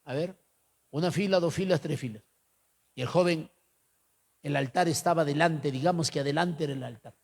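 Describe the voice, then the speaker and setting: A man with an Ecuadorian accent preaching a storytelling sermon, animated, calling listeners brother and rising to shouted fervor. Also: a little high, normal speed, pauses often. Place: church hall. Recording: long hall reverb.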